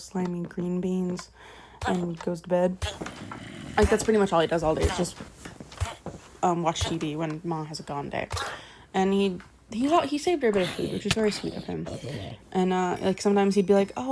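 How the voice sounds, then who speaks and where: A woman with a lowish, mellow voice retells a novel's plot casually as a book vlogger. She rambles with lots of fillers, backtracks to correct herself, and swears offhandedly, with slight background noise.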